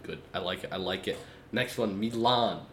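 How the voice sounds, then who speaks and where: Low-voiced guy hyping up his cohost, joking around on a video call podcast, faint hiss. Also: moderate pace. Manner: excitable, teasing, calls his co-host by name often. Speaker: podcast co-host. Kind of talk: casual chat.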